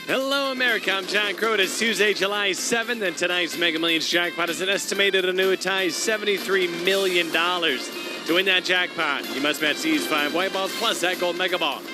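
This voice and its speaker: A man's voice: sits high, fairly quick. Upbeat male lottery draw host over music. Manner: polished presenter, announces numbers with emphasis. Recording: music behind the voice.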